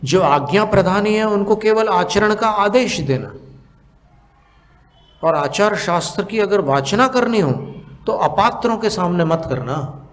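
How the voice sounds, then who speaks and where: A monk giving a sermon, explaining slowly with long pauses, asking the audience questions and chanting scriptural verses in a drawn-out cadence. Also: male voice, sits high, expressive. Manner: asks the audience questions to teach. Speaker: monk giving a religious discourse.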